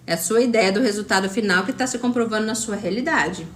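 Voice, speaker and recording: A woman's voice: mid-range voice, fast, a bit bright, roomy sound. A woman with a Brazilian Portuguese accent hosting a live stream as a spiritual coach, talking in an emphatic, repetitive way and greeting viewers by name. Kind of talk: motivational live-stream talk.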